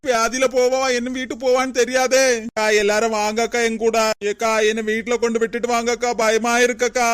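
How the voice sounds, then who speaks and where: A high, whiny young village wife in a cartoon, played by a woman. She turns from hot anger to pleading fear. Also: level tone, fairly quick, lightly acted. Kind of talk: homemade cartoon voice acting.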